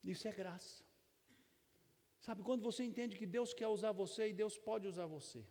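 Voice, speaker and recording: A middle-aged Brazilian pastor preaches a sermon in a church sanctuary, folksy and conversational with touches of humor and frequent tag questions. His voice is high-pitched and darkish in tone at a moderate pace, with long church reverb on the recording.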